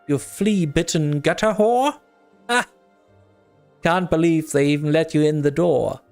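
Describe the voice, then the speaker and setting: A scornful, sharp-tongued rogue woman hurling insults, read out by a man in his own voice lifted a little. The voice sits somewhat high and hops up sharply on her jabs. It is a dry, close recording with faint game music behind. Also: a little slow, creaky, clean tone, dry recording.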